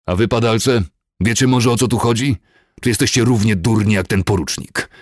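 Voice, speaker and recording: Performed by a man, a brutal cavalry colonel with a deep, gravelly rasp that turns into a roar. His speech is curt and commanding, with each order barked dry and close. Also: normal speed, no echo. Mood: furious roaring. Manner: barking curt orders, erupting into roars. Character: furious, cold, violent male cavalry colonel.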